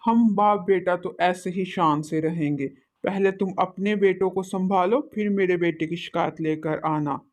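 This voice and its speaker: A woman's voice: fairly low pitch, a little slow, few pauses, darkish tone, close to an everyday voice. A woman voicing a proud, short-tempered male crow father in a cartoon, speaking in an arrogant, dismissive manner. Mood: scornful. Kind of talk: cartoon voice acting. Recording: slightly dull, lo-fi recording.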